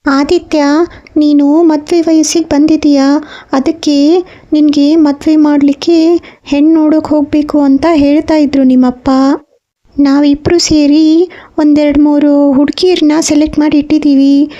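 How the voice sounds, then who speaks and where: A woman's voice: high voice, little pitch movement, a little slow, dark tone. A woman playing a caring middle-aged mother who soothes her son and argues for him. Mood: reasoning. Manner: soothing, reasoning, firm. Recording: slightly dull audio.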